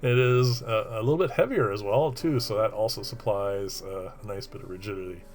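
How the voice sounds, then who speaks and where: A middle-aged man presenting a casual woodworking voice-over in a monotone, droning, rambling and hesitant way. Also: lowish voice, fairly quick. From Canada.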